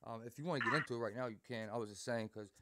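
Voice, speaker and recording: Slangy, casual man with a mid-pitched voice. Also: rapid-fire, sharp tone. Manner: slangy, repetitive, calls listener "bro". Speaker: host taking a call from an inmate. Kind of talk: casual phone chat.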